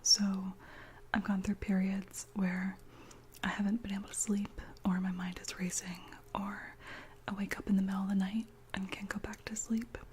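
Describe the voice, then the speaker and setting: A woman whispering gently as an ASMR channel host, chatting slowly with many soft pauses. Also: medium pitch, little pitch movement, slight background noise.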